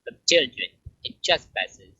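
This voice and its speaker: A man's voice: bright, forceful tone, dry recording. A man voicing an odd, childlike woman killer who speaks in simple, broken English. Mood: wistful. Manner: halting, simple broken phrasing. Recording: dull lo-fi recording.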